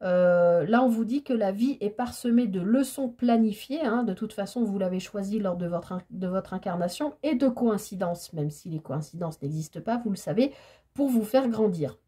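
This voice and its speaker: Lady doing a tarot reading, kinda husky, mellow voice, stumbles over her words a lot. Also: mid-range voice, expressive, normal speed. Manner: hesitant, stammering, many fillers. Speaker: tarot card reader. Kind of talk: casual spoken tarot reading.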